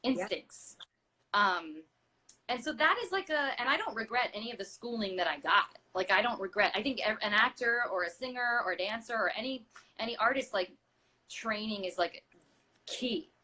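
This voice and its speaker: A woman's voice: a little high, animated, moderate pace, bright, forceful tone. A woman in her thirties, a stage actress and singer, chatting casually as an interview guest, full of fillers and acting out quoted voices. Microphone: video call.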